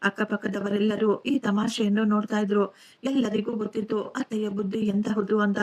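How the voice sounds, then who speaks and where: A woman narrating an emotional first-person family story in a steady storytelling voice. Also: mid-range voice.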